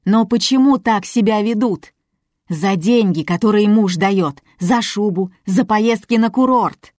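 A woman reading the part of a crude, contemptuous man who talks slowly and bluntly. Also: medium pitch, mellow, no room sound, clean studio sound, natural voice. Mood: scornful.

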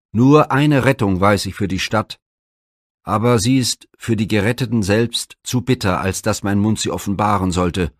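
A man's voice: fairly low pitch, no room sound, clean studio sound, natural voice. A man reading the part of a stern old blind seer in a myth storybook, speaking in grave, solemn pronouncements.

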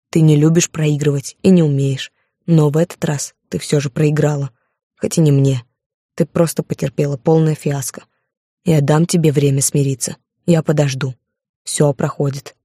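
A reader voicing a cold, possessive male lover who speaks slowly with calm mockery. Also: medium pitch, no room sound, clean studio sound, natural voice.

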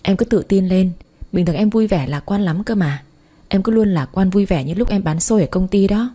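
A woman voicing a calm young boyfriend who gently reassures his girlfriend, in a read-aloud story. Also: mid-range voice, fairly quick, lightly acted. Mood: coaxing. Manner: gentle, coaxing.

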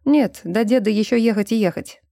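Woman reading a steady, gently teasing young man, mellow and patient. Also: a little high, a little fast, gravelly, no echo, clean studio sound. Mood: calm. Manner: calm, patient instructor.

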